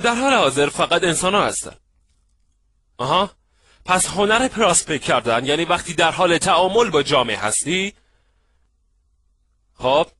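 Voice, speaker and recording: A man giving an animated seminar lecture on networking, acting out little scenes and checking that his audience follows. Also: on the high side, slightly rough, no room sound. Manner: lively, acts out little scenes, asks the audience if they follow. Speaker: networking trainer.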